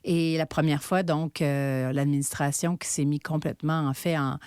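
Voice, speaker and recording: Québécoise journalist guest, middle-aged, lowish voice, dry close sound, earnest and measured. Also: female voice, fairly even intonation, darkish tone, smooth, no echo. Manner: earnest and thoughtful, many fillers. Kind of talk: conversational interview.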